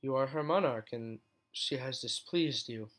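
A man's voice: medium pitch, a little slow, a bit bright, close to an everyday voice. Man doing a haughty insect general woman. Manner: clipped, stiff and formal. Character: haughty female insect-like general, cold and formal.

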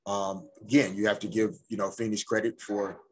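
A middle-aged man, a head coach, answers postgame press questions in a measured, thoughtful way. He often pauses to find his words, and he is recorded on a desk microphone in an indoor press room. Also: fairly low pitch, little pitch movement, slightly rough. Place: indoor press room before a sponsor backdrop. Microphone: desk microphone in front of him.

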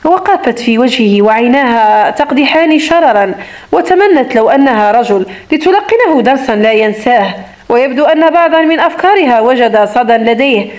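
Female audiobook narrator, high voice, dramatic novel reading. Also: lively intonation, brisk, darkish tone.

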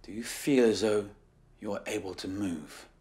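An actor playing a composed male hypnotist who speaks slowly, soothingly and formally. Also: lowish voice, a little mellow, natural voice.

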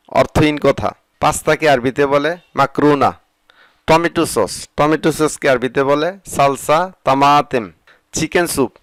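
A man with a Bangladeshi Bengali accent teaching Arabic vocabulary, explaining each word slowly and repeating it. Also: a little high, no room sound, poor audio. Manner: slow repetitive word-by-word explanation. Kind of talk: vocabulary lesson.

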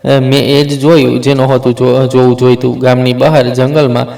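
Male narrator doing a frail poisoned husband, quiet and tired, flat delivery, storybook read. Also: mid-range voice, moderate pace, creaky, natural voice. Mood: bitter. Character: weak, poisoned village man, tender.

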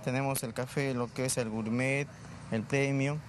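A man's voice: medium pitch, fairly even intonation, normal speed. A young male farmer answering plainly and hesitantly in a live outdoor interview on a reporter's mic. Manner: plain, hesitant, many "este" fillers. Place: outdoor plaza stand, in the city. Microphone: reporter's handheld mic. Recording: street noise behind.

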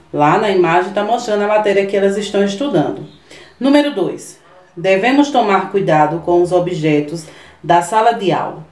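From a small, decorated classroom, a middle-aged primary teacher leads a remote lesson for little kids, patient, slow, and sing-song, with a medium-pitched, darkish voice. The camera microphone sits a few meters away, leaving her sounding distant in an echoey space.

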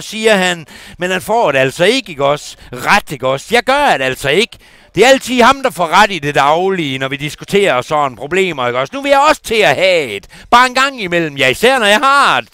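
A man's voice: high-pitched, big pitch swings, bright, forceful tone, smooth, no echo, heavily acted. A man playing a gossipy, indignant middle-aged housewife in a comic monologue, rambling on and asking for agreement every few words. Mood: indignant gossip. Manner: rambling, keeps adding "ikke også" for agreement.

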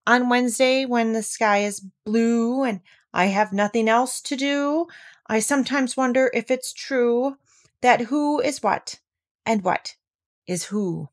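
Simple, kindly storybook bear, male, voiced by a woman: unhurried, earnest delivery. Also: on the high side, pitched above the performer's own voice. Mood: dreamy reciting. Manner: slow, earnest. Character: slow-witted, good-natured bear, male.

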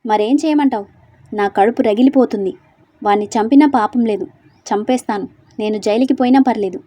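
A woman's voice: on the high side, a little fast, dark tone, no room sound, close to an everyday voice. A woman voicing a fiery, hot-tempered young female college student in a storybook reading, blunt and defiant. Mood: angry.

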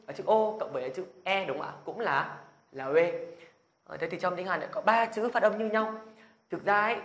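A man with a fairly high, fairly bright voice runs a beginner language lesson. After every point he patiently asks whether viewers understand, and then he drills the sounds aloud with gusto.

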